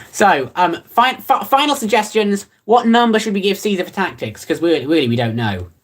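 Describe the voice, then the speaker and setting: Casual streamer with an animated, up-and-down delivery. Rambles offhand, dry and teasing. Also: medium pitch, moderate pace. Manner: rambling and offhand, many fillers and restarts. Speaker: livestreamer. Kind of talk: casual livestream chat, reading comments.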